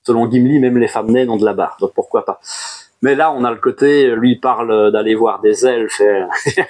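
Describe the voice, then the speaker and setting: A man talking casually to camera as he reviews his monthly manga purchases, chatty and animated, with playful asides. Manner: chatty and animated, jumps up in pitch on new titles, playful asides. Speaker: manga collection YouTuber.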